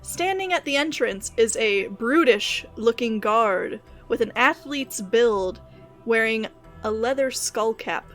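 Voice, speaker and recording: A woman's voice: a little high, expressive, slow, a bit bright, soft background music. Playful woman narrating as game master. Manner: descriptive and playful, laughs often.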